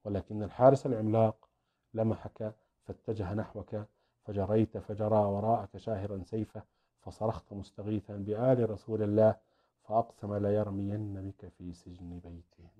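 A man's voice: lowish voice, level tone, moderate pace, warm tone. A man narrating a story in a dramatic storytelling manner, in a dull lo-fi recording.

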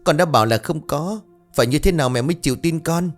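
A man voicing a proud, stubborn eighteen-year-old village girl, high and pleading. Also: fast talker, soft background music, natural voice. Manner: high and pleading, breaking into defiance.

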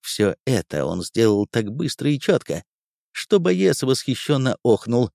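A man narrating an audiobook in a lively, expressive storytelling manner. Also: mid-range voice, measured pace, creaky, no echo, studio quality.

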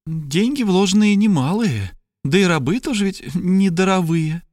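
A man's voice: high-pitched, lively intonation, moderate pace, a little mellow, no echo, studio quality, pitched above the performer's own voice. A man voicing a scheming middle-aged Roman secret police chief in a storybook reading, with a wheedling, probing manner.

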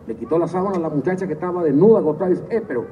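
Cuban guy spinning funny stories at a concert, kinda high voice, sounds thin like a phone. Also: rapid-fire, narrow, tinny audio, noisy background. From Cuba. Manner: anecdotal, chuckles at his own punchlines. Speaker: singer telling stories on stage. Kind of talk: humorous live storytelling between songs. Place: concert stage at a festival. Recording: distant, hall-echoed, phone-thin live recording.

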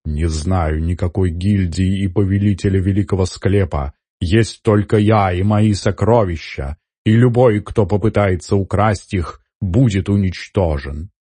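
A man voicing a haughty, menacing shapeshifting treasure guardian in a storybook reading, speaking slowly and with contempt. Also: warm tone, slightly rough, no room sound. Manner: contemptuous, menacing, slow and low.

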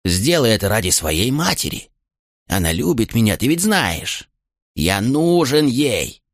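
Man voicing a nervous, begging traitor, wheedling, lively pitch, dry sound. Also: a little slow, no room sound. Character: cowardly pleading traitor, grown man.

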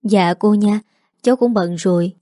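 A woman's voice: medium pitch, moderate pace, dark tone, no room sound, studio quality, natural voice. A woman voicing a humble middle-aged housekeeper.

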